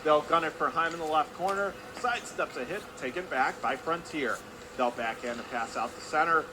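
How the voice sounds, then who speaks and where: A man with a slightly high voice calls a hockey game live on radio at a moderate pace. As play-by-play announcer he speaks in clipped running phrases that rise with the action, with ice-rink noise clearly audible behind him.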